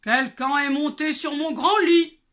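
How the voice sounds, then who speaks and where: Brief: a woman playing a gruff big papa bear, loud and scolding, storybook style. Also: sits high, steady tone, measured pace, voice pushed up. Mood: gruff indignant.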